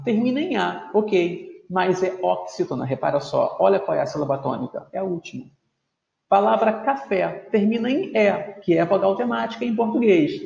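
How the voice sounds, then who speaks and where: A man teaching a video lesson in a gravelly, slightly high voice. He explains step by step and keeps checking in with the class. The recording sounds roomy and dull. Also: a little mellow.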